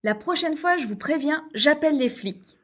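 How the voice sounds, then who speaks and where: A high-pitched, indignant neighbor woman, voiced by an actress in a scripted lesson sketch. She scolds insistently and keeps pressing her point. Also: expressive, normal speed, a bit bright. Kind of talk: scripted language-lesson dialogue.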